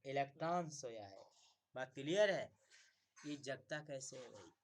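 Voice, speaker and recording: A man teaching an online electronics class, repeatedly asking questions and answering them himself, loud on key words and quiet on asides. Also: medium pitch, lively intonation, unhurried. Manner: asks and answers his own questions, repetitive, coaxing; swings between loud emphasis and quiet asides.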